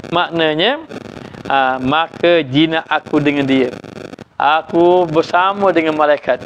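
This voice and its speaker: Male Malaysian religious teacher, lecture delivery, a little high-pitched, dull lo-fi sound with faint traffic behind. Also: a bit bright. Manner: explains by repeating, frequent "ha" interjections. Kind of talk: religious lecture on a classical text.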